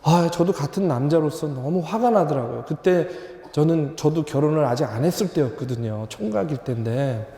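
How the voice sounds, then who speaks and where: A young male pastor preaching a sermon, telling a story with lively humor in a church. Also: a little high, moderate pace. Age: young adult. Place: church sanctuary. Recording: reverberant church hall.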